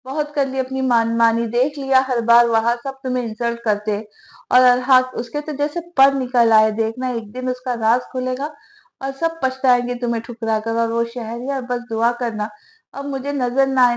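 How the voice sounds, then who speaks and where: A bitter, humiliated young husband from a romance novel audiobook, as a woman reads him. He complains with hurt indignation, and the voice sits high. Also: steady tone, lightly acted. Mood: bitter anger.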